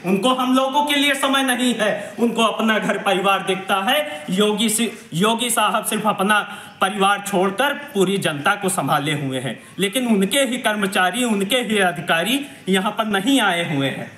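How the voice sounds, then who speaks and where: A man, a social activist, reporting indignantly and emphatically while walking around a village primary school, speaking loudly to the camera. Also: high-pitched, lively intonation, moderate pace, few pauses, roomy sound. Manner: indignant, emphatic, loud denunciation. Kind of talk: on-the-spot investigative video report.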